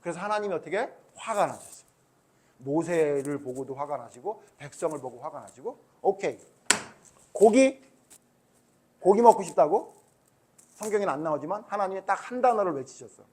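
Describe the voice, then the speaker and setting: A man with a high voice preaches a Sunday school sermon to children. He tells the story in an animated way and keeps quizzing the kids as he goes. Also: brisk, husky. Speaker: pastor.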